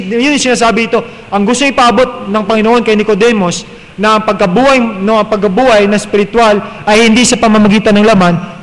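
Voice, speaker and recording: Filipino pastor guy preaching, really high voice, long church reverb, keeps checking in w the crowd. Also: fairly bright tone. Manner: mixes Tagalog and English, keeps asking the congregation "right?". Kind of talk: preaching a sermon. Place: church sanctuary.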